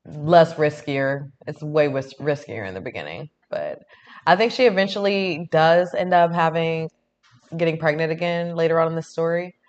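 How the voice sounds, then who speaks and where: A podcast co-host talking casually, hedging and thinking aloud. The voice is mid-pitched and comes through dull and muffled. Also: normal speed. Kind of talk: casual chat commentary.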